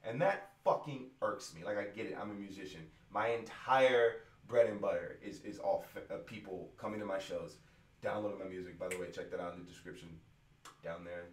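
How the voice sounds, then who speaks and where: Far from the mic, in a room with noticeable echo, a young rapper vents about wrestling in a casual vlog, swearing and sounding exasperated. He speaks a little fast in a low voice.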